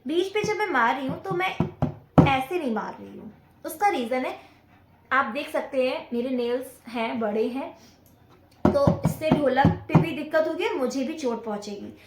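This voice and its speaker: A woman's voice: high-pitched, lively intonation, moderate pace, reverberant, a little hiss or hum. A woman teaching dholak to beginners, explaining patiently step by step and counting the beats aloud as she plays. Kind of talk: casual music lesson. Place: indoor room with dholak drum playing.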